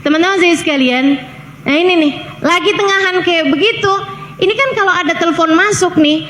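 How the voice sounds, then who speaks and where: A woman's voice: very high-pitched, fairly quick, a bit bright. A middle-aged woman preacher giving an informal religious talk, telling a story in a chatty way with joking asides. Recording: echoey hall, faint background noise.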